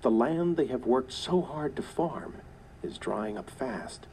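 A man reading a scripted introduction to a story in an even, measured way. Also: mid-range voice, slight background noise, poor audio. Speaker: audiobook narrator.

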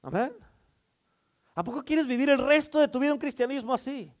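A man's voice: extremely high pitch, a little fast. A man preaching a sermon as a pastor, emphatic, with rhetorical questions and calls for amen.

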